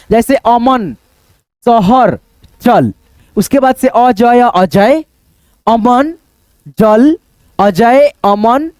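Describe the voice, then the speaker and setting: A man's voice: very high voice, a little mellow, no room sound. A man teaching Hindi reading and writing in an online lesson, patiently sounding out words syllable by syllable and repeating them.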